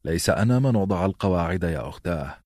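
A man's voice: low-pitched, lively intonation, fast, a little mellow, dry recording, clean studio sound. A man voicing a wry, sardonic teenage boy in an audiobook. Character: dry, wry teenage bastard brother.

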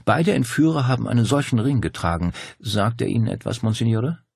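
A man voicing an earnest, composed female police commissioner in an audiobook, speaking in a measured, explanatory way. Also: mid-range voice, lively intonation, vocal fry, a little mellow, breathy edge, dry recording, studio quality, pitched above the performer's own voice. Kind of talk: audiobook character voice.

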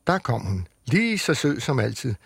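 A man on the radio, reading a children's book aloud with lively storytelling in a studio. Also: medium pitch, gravelly, husky, no echo. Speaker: radio reader.

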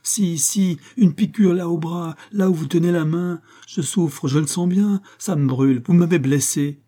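A man's voice: mid-range voice, moderate pace, dark tone, slightly rough, lightly acted. A man reading an audiobook and voicing a frightened young society woman who turns defiant, pleading and pained.

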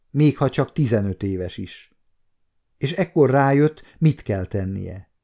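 A man in his fifties reading a historical novel aloud as an audiobook narrator, in a calm, measured storytelling manner. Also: mid-range voice. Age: 50s. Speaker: audiobook reader.

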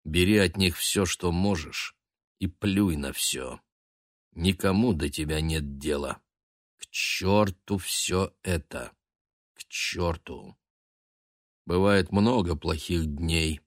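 A man's voice: low voice, slow, pauses often, no room sound, studio quality, heavily acted. A man reading an audiobook, voicing a sickly older brother who scolds bluntly. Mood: soothing. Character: stern older brother, sickly, gruff but caring.

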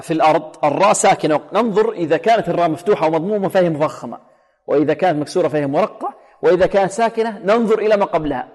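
A man teaching the rules of Quran recitation on a radio program. He asks questions and answers them himself, and he repeats words slowly to show right and wrong pronunciation. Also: on the high side, a little mellow, big-room sound. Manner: slow careful chanting of Quranic verses between explanations. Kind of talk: tajweed lesson on a radio program.

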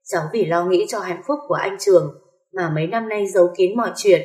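A woman's voice: fairly low pitch, fairly quick, a little mellow, natural voice. A woman doing a tearful scheming young mother. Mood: pleading. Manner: tearful, pleading. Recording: echoey room.

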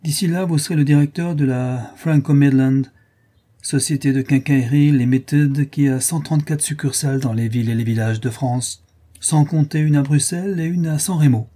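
A man voicing a quick-talking, smooth middle-aged financial agent who flatters as he persuades, in an audiobook. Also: fairly high pitch, natural voice. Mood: eager persuasion. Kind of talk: audiobook character voice.

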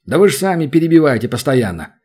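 A male audiobook reader plays a skeptical ranger. He drawls slowly with a husky tone, always doubting what he hears. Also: fairly high pitch, big pitch swings, a little mellow. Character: skeptical male forest ranger, wry and grumbling.

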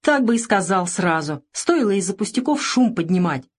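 A woman's voice: medium pitch, sing-song, normal speed, husky. A woman reading the lines of a smug, evasive male crook in an audiobook. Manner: smug, mocking.

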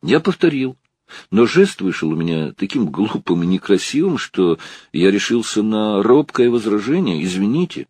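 A man narrating an audiobook with expressive storytelling. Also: fairly low pitch, normal speed, slightly rough, dry recording.

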